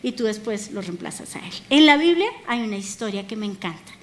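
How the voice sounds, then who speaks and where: A woman pastor preaching a sermon, emphatic in her calls and dropping low and soft for intimate points. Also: big pitch swings, fairly quick.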